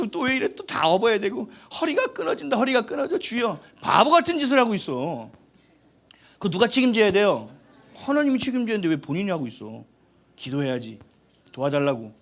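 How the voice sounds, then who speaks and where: High, lively male pastor preaching. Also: creaky. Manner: animated, humorous, exhorting. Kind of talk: sermon.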